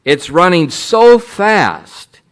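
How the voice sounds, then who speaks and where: An American man preaching a sermon in short, emphatic phrases, pausing for his interpreter. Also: sits high, sing-song. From United States.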